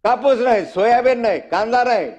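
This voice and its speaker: A man's voice: very high voice, moderate pace, darkish tone. A male legislator giving an impassioned, rhetorical assembly speech, accusing the government in a fiery tone. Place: state legislative assembly chamber.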